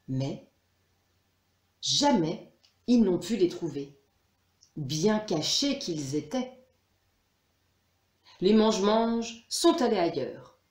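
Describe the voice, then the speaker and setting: Woman storyteller, low voice, unhurried, reading a children's tale in a roomy space. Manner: measured, expressive. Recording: roomy echo.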